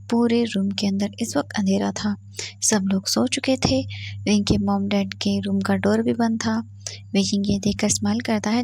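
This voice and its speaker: A woman retelling a fan fiction story in plain, even narration. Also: mid-range voice, husky.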